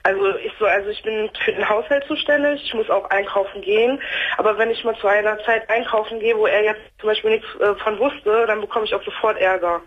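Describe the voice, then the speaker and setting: A woman's voice: mid-range voice, fairly even intonation, breathy edge. Hesitant woman caller over the phone. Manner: hesitant, halting speech with restarts. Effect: heard over the phone. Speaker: caller to a radio talk show. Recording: tinny phone line.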